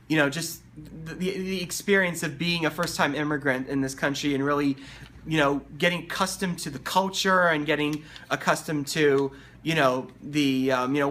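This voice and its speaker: Male reviewer, bright and fairly high voice, rambling informal commentary, halting with repetitions. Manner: rambling, halting, repeats words. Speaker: movie reviewer. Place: New York area.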